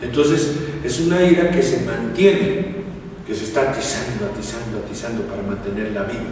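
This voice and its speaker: A man's voice: medium pitch, normal speed, darkish tone. A man teaching scripture in a chatty way, often asking the audience rhetorical questions. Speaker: Bible teacher. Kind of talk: conversational Bible teaching. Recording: echoey hall from far off, faint hiss.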